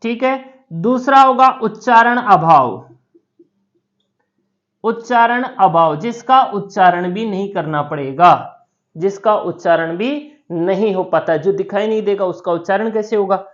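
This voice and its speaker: A woman lectures on grammar at a slow, deliberate pace. She repeats key terms and poses questions to her students before answering them. The audio is somewhat dull and lo-fi. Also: medium pitch. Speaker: Sanskrit grammar teacher. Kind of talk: classroom lecture.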